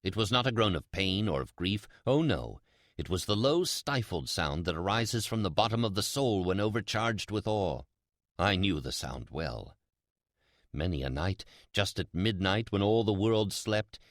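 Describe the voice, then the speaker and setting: A man playing a sly, mad, gloating murderer in a theatrical, deliberate dramatic reading of a Gothic horror story. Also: sits low, fairly bright tone, no echo, studio quality. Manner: theatrical, deliberate, drawn-out emphatic repetitions. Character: mad, gloating, sly male murderer confessing his crime.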